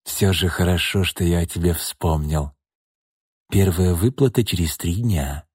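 A smug, mocking thug from an audiobook, voiced by a male reader, sneering and then dropping to low, husky threats. The voice is close and dry. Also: very animated, measured pace, a little mellow, dry recording. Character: menacing smug middle-aged pimp and thug.

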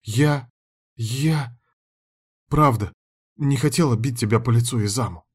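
A man reading an audiobook voices a submissive adult woman who is a school director, talking softly and pleading. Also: mid-range voice, unhurried, husky.

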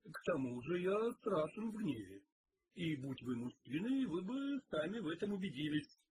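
A man's voice: fairly high pitch, big pitch swings, moderate pace, background noise, pitched above the performer's own voice. A cocky glib young detective, as a male reader puts him on. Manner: cheeky, teasing.

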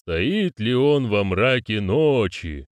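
Solemn booming master of ceremonies, slow, commanding, deep, as a man puts him on. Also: very animated, no echo. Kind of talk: audiobook character voicing.

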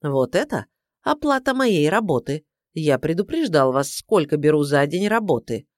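A woman's voice: low voice, sing-song, normal speed, darkish tone, no echo. A woman reading the part of a tired, sardonic male private detective in a dry, grudging manner for an audiobook. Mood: weary. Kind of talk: audiobook character voice.

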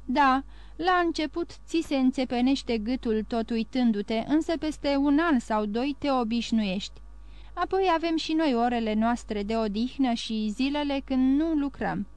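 A humble man of 55 who keeps a telegraph post and tends his garden, giving plain and modest answers as a woman reader voices him. The voice is fairly high, smooth and clear, recorded with no echo. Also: a little mellow, close to an everyday voice. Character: humble 55-year-old male telegraph keeper, contented gardener.

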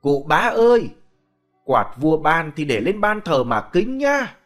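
A man's voice: on the high side, sing-song, moderate pace, faint music behind. A man voicing a cheeky, clever young peasant who mocks a greedy landlord. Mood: mocking. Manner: mocking, sly, playful.

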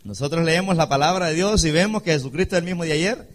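A man preaching a sermon as a pastor, emphatic and rising loud when he quotes scripture. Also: fairly high pitch, fast.

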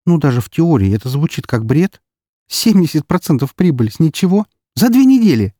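A scoffing young woman with a quick, teasing tongue, as a male narrator puts her on in an audiobook. Her voice sits well above the reader's own and swings up and down as she argues. She sounds dismissive one moment and defensive the next. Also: on the high side, sing-song, no room sound, studio quality, voice pushed up. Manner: scoffing, sharp and a bit defensive. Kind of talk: audiobook character voice.

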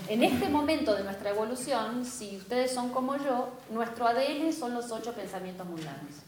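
A woman's voice: a little high, lively intonation, moderate pace, a little mellow, a little hiss or hum. A woman with a Rioplatense Spanish accent giving a spiritual class lecture, engaging and often checking in with her students. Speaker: spiritual teacher. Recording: echoey room.

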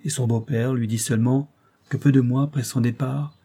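A man narrating a novel as an audiobook in a measured, steady reading. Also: mid-range voice. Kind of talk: scripted narration.

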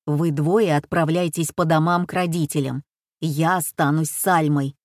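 A woman voicing Van, a tense, commanding man, with a low, hushed, urgent voice in an audiobook. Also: fairly even intonation, moderate pace, no room sound, clean studio sound, lightly acted. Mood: steady firm. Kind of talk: audiobook character voice.

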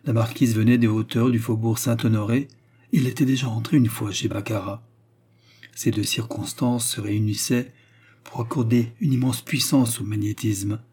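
A man reading a classic novel aloud as audiobook narration, in a measured literary manner. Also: mid-range voice, steady tone, a little mellow, breathy edge.

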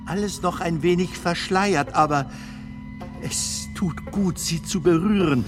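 An actor playing Stan Laurel, a gentle, childlike, inquisitive comedian, in a tender, halting radio drama performance. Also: male voice, sits high. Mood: wondering, tender. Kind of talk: German radio drama acting. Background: music.

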